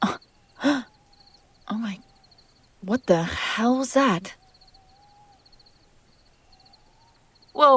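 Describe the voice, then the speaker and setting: In this scripted, intimate audio roleplay, a woman gives voice to a teasing, possessive demon, speaking theatrically with elongated phrases that fade into whispers. Her pitch is medium and the recording has no echo. She sounds startled and urgent.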